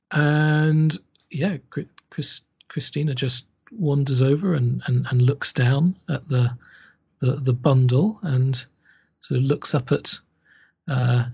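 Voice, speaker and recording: Slow, husky game master, man. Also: mid-range voice, a little mellow, highs cut off. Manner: halting, full of repeated words and fillers. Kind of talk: narrating a tabletop horror game.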